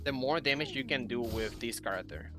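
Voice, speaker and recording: Sitting at his computer in an indoor room, a young YouTuber plays a game and chats casually about it, explaining and thinking out loud. His medium-pitched voice is expressive and brisk, with game music behind him.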